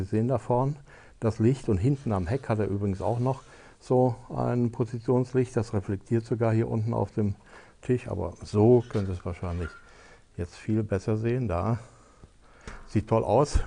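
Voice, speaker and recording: A man's voice: lowish voice, fairly even intonation, moderate pace, gravelly, mellow. A man hosting a tech advice show, casually demonstrating a gadget step by step with frequent hesitation fillers.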